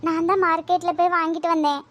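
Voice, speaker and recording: A humble house maid, as a woman voices her, high-pitched and eager to please, speaking deferential Tirunelveli Tamil in a cartoon. Her voice is high and light. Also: little pitch movement, fast, fairly bright tone. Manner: deferential, says "ayya" often.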